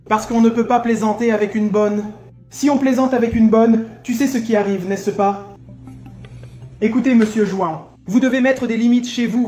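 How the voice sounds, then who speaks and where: An actor playing a grumpy, bossy old father who lectures everyone and never stops complaining. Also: very high voice. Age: older. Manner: overbearing, lecturing, loud complaints. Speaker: visiting father.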